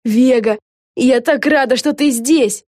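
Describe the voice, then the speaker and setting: A bubbly little girl witch, an obsessive superfan who plays pirate captain, as a woman puts her on. She talks with eager, lively bounce in a storybook reading. The sound is dry and close. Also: sits high, measured pace, no echo, pitched above the performer's own voice. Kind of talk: audiobook character voice.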